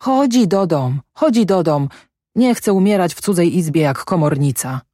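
A narrator voicing a feverish, furious peasant wife. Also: female voice, on the low side, expressive, moderate pace, dark tone, no room sound, studio quality, pitched above the performer's own voice. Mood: pleading. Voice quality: cursing, pleading, feverish intensity.

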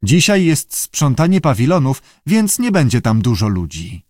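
A man's voice: medium pitch, sing-song, moderate pace, a little mellow, no room sound, clean studio sound. Man doing a stern pompous zoo director. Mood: curt. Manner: stern, clipped.

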